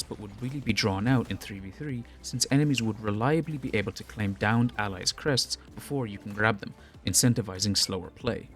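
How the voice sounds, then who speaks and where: A man reading a scripted, measured commentary on game balance for a gaming video. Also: fairly low pitch, fairly bright tone. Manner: measured, explanatory.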